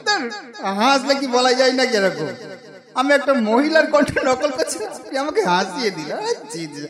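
A man's voice: extremely high pitch, sing-song, fairly quick, a crowd in the background. A man preaching a humorous sermon, joking and teasing the audience between sung ghazal lines.

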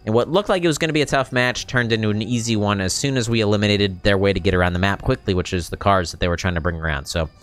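Racing along with hardly a pause, a low-leaning male voice rattles off casual gameplay tips and commentary. The speaker is a game streamer and tutorial host in his thirties, close-miked on a boom arm, with the background noise plainly audible.

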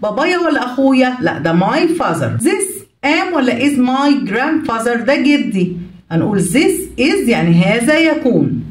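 A woman's voice: a little high, echoey room, distant mic. A woman with an Egyptian Arabic accent, teaching a children's English workbook lesson, repeating each word and then translating it.

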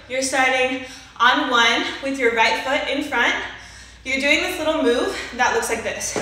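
Breathless, high-voiced woman teaching dance. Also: pushed and bright, slight background noise. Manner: upbeat, counting steps aloud. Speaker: dance instructor. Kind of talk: live online dance class. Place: indoor room, dancing live. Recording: echoey room.

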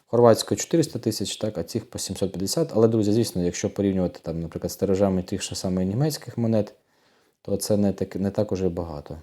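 Male host for casual unboxing chat, lowish warm voice, chatty and unhurried, talks straight to his viewers. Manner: chatty, often addresses viewers as friends, thinks aloud. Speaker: coin collector channel host.

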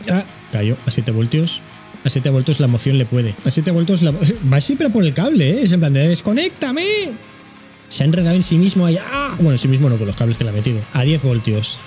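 A man with a Spain accent reacts to a video in a bouncy, animated voice that leaps up and down in pitch. He jokes, exclaims, and gives the objects he watches funny little voices. Music plays behind him. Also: quick pace. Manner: jokey, exclaiming, voicing objects in funny asides. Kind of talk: casual reaction commentary.

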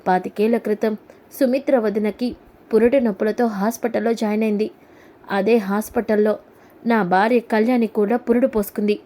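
A woman voicing an angry middle-aged man who forcefully confronts his family. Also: mid-range voice, fairly even intonation, fairly quick, close to an everyday voice. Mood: insistent. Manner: forceful, accusing.

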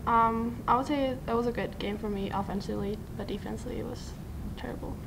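A woman's voice: fairly high pitch, steady tone, fast talker, gravelly. Young woman from iceland, basketball player, says like constantly, noisy background. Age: young adult. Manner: plain, "like"-heavy speech. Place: press room. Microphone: table mic. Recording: noisy room.

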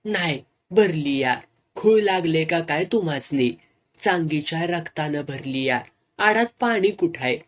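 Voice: medium pitch, lively intonation, unhurried, lightly acted. The narrator voicing a grieving village man who blames himself for a death, speaking in plain rural dialect. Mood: grief-stricken.

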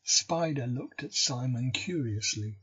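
A man reading a novel chapter aloud for English learners, slow and deliberate. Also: medium pitch, animated, fairly bright tone, slightly rough, lo-fi sound. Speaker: audiobook reader.

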